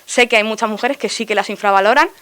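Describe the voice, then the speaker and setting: A woman's voice: medium pitch, quick pace, a bit bright, smooth. A young woman artist, answering interview questions earnestly and a little hesitantly. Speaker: artist guest.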